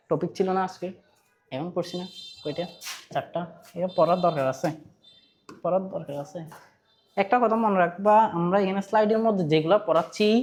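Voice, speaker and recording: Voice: mid-range voice, darkish tone. A physics teacher with a Bangladeshi Bengali accent giving a casual online class, asking students questions, repeating key points and slipping in English terms.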